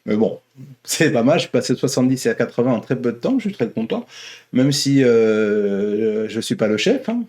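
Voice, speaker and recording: At a moderate pace, a very animated man with a medium-pitched, darkish voice shares his views on his online vlog. The talk is a casual, improvised opinion monologue that rambles, with frequent repetition and rephrasing.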